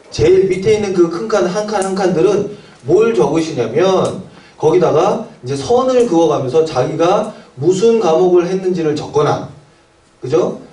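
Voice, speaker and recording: Fast-talking man lecturing in an echoey room. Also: high voice, warm tone. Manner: asks the audience questions and answers them himself. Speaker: education director lecturing academy owners. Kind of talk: seminar lecture. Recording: echoey room, mic at a distance.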